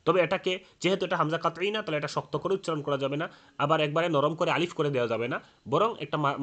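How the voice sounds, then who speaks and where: Guy teaching recitation, quick talker, bit high voice, lots of ah fillers. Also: a bit bright. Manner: explanatory, many "ah" fillers and restarts. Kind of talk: classroom lesson on recitation rules.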